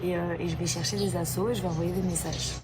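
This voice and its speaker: A woman's voice: fairly low pitch, fairly even intonation, fast talker, over loud music. A woman with a French accent from France chats informally as a travel vlogger. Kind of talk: casual chat to camera. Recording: clearly noisy ambient location recording.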